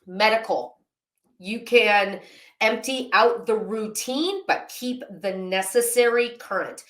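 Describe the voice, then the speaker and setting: A woman's voice: on the high side, slow pace, fairly bright tone. A woman hosting a home-organizing channel, explaining her filing system in a chatty, practical way with a little self-mockery. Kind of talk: casual instructional talk to camera. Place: home office. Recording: roomy echo.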